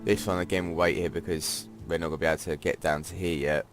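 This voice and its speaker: A man's voice: sits low, little pitch movement, quick pace. A man with a congested, stuffy voice, casually commenting on a strategy game while thinking his moves aloud. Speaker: gameplay commentator. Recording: game music playing behind.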